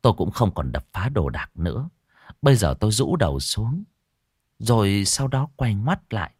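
Deep-voiced man telling a horror story. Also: normal speed, slightly rough, dry recording, studio quality. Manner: dramatic, expressive.

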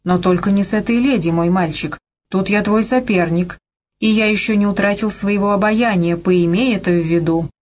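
A man's voice: high voice, moderate pace, close to an everyday voice. Older man, playful and fond, audiobook figure voiced by a female narrator, lightly teasing. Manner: gently teasing.

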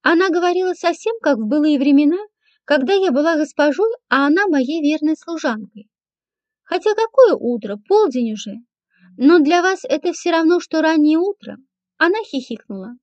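A woman narrating a first-person audiobook in a dry, measured manner. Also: high-pitched, expressive, no room sound. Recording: dull lo-fi, dry.

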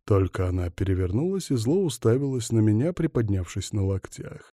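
A man narrating an audiobook in the first person, gruff and teasing in tone. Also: lowish voice, big pitch swings, brisk, dark tone, no echo, clean studio sound.

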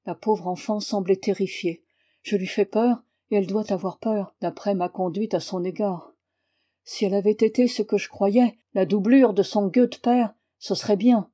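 A woman reading aloud as an earnest, awkward young man, measured and reserved. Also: mid-range voice, fairly even intonation, dark tone, natural voice.

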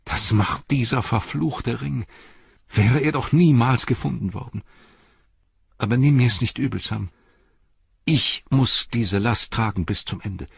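A man's voice: mid-range voice, a little slow, gravelly, husky, no echo, voice pushed up, exaggerated voice. A man reading an audiobook, voicing a frightened, worn-down young male hobbit who flares up in anguish, in a dull, dry recording. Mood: remorseful. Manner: anguished, flaring to shouting.

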